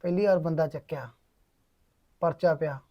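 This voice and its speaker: A man's voice: on the high side, dull audio, natural voice. A man playing a remorseful young kidnapper. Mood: sorrowful. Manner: halting, confessional, repeats phrases. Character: young male kidnapper, poor, bitter and remorseful. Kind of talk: short film drama acting.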